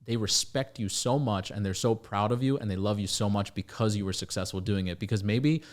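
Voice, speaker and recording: A man's voice: on the low side, fairly quick. A man hosting a podcast in a casual, emphatic, motivational way, swearing freely. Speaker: podcast host.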